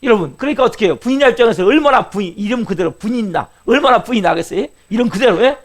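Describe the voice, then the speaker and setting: A male pastor delivers a sermon in a notably high voice. He keeps calling out questions to the congregation and slips into the heated words of a jealous wife as he tells the story. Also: expressive, rapid-fire. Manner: calls out to the congregation, asking questions.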